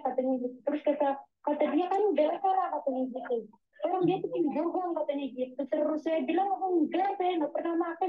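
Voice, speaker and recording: A woman with a high voice tells her story over a tinny phone line. She rambles and keeps coming back to the same little filler words. She is a domestic helper working abroad, calling in to tell what happened to her. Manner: rambling, repeats "gitu" and "Miss". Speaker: migrant domestic worker caller. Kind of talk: telling her story on a call.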